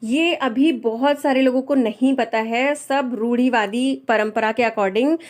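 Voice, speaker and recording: A woman gives a slow, step-by-step lesson on pronunciation. Her voice sits a little high, and she patiently repeats and stresses each sound to set it right. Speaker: Hindi language teacher.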